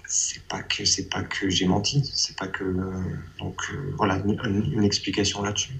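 Guy giving a personal testimony, deep-ish monotone, stops and restarts a lot. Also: gravelly. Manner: halting, repeats and restarts phrases. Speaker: anonymous interviewee giving testimony. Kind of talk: hesitant personal testimony in an interview.

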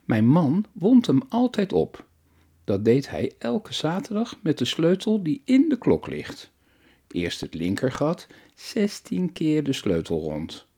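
A man voicing a lonely, grieving old widow who speaks gently and reflectively, in an audiobook story. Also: fairly high pitch, wildly swooping pitch, slow, slightly rough, pitched above the performer's own voice, exaggerated voice. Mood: wistful.

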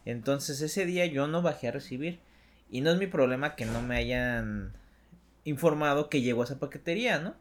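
A man's voice: mid-range voice, moderate pace, a little hiss or hum. A young man with a Mexican accent telling a work story in casual chat, full of slang and acted-out voices. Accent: Mexican Spanish. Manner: slangy, animated, acts out voices in anecdotes.

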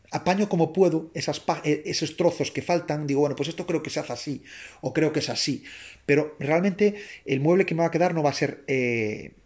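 A man's voice: fairly high pitch, darkish tone. A man with a Spain Spanish accent giving an informal science explanation to his audience. He rambles, corrects himself and keeps checking that listeners follow.

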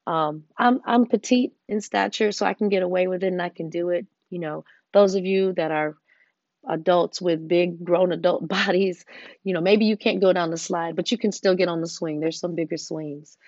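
A woman giving an earnest, encouraging motivational talk, often dropping into hushed tones. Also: on the low side, normal speed, no room sound, muffled recording. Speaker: host.

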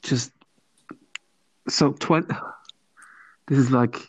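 A man's voice: mid-range voice, fairly even intonation, very slow, slightly rough. A man chatting casually as a podcast co-host, jokey and given to acting out little quotes. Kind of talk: casual banter. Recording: roomy, slightly muffled sound.

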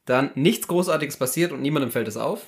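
Playful man running a memory game. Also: mid-range voice. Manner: playful, deliberately distracting with counting. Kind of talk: casual podcast chat.

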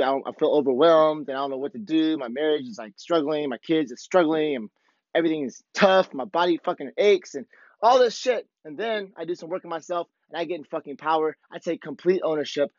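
A hoarse man with a worn-out voice hosting a podcast, talking casually and candidly in a rambling, profanity-heavy motivational monologue. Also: fairly high pitch. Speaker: podcast host. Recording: dull, lo-fi, roomy echo.

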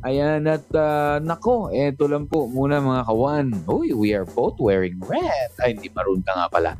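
A man's voice: medium pitch, sing-song, normal speed, a little mellow, soft background music. A man with a Filipino accent hosting a casual morning radio show, joking and teasing his co-host with lots of fillers. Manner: playful, teasing, lots of fillers and code-switching.

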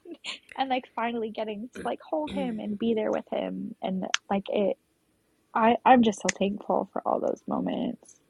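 A woman's voice: mid-range voice, fairly even intonation, normal speed, gravelly, a little mellow, a little hiss or hum, poor audio. A young woman telling her personal story as a podcast guest, emotional and full of "like" fillers. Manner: emotional, heavy use of "like" fillers.

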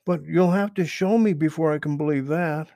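A man's voice: a little high, normal speed, warm tone, dry recording, studio quality, pitched above the performer's own voice, close to an everyday voice. A man voicing Peter Rabbit, an eager and apologetic young male rabbit, in an earnest, pleading storybook reading. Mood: curious. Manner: earnest, pleading, wide-eyed.

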